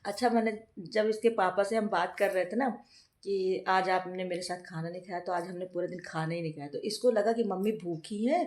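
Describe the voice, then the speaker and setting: A woman's voice: lowish voice, steady tone, a little fast, a little mellow, roomy sound. A woman who is a mother and vlogger, chatting casually at home while unwell with a fever. She tells a long story and often breaks into laughter. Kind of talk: casual home vlog chat.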